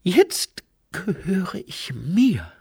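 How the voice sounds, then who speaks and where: A woman's voice: lowish voice, sing-song, very slow, gravelly, warm tone, slightly rough, voice pushed up, exaggerated voice. A man voicing a strange woman in an evening gown, a former Auditor who speaks intensely and urgently, in an audiobook reading. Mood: urgent earnest.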